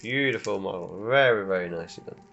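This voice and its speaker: A man's voice: fairly low pitch, fast talker, gravelly, a bit bright, highs cut off, faint music behind. Wry man chatting over a tabletop game. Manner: quips about the dice, sorts out rules. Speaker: tabletop wargame player.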